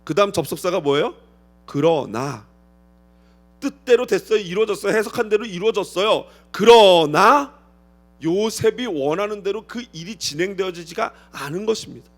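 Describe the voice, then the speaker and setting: Emphatic high-voiced male pastor preaching. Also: expressive, fairly quick. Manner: emphatic, rhetorical questions to congregation; acts out quoted voices with dramatic swings in loudness. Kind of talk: expository sermon.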